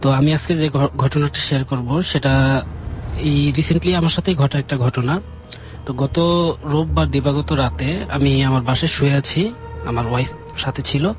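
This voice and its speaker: A man calling in to a radio show, earnestly telling a frightening experience from his own home in a halting way. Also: medium pitch, steady tone. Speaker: caller. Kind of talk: telling a personal ghost story. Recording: dull lo-fi radio broadcast with music.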